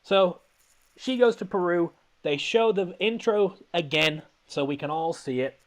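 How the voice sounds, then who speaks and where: A man's voice: high-pitched, unhurried. A man hosting a podcast, rambling and laughing as he recaps a film in casual comedic chat. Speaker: podcast host.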